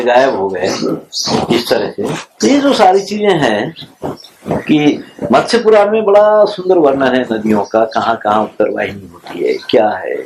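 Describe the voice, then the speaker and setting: A man giving an informal lecture, telling scripture stories in an unhurried, discursive storytelling way. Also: fairly high pitch. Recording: noisy archival recording.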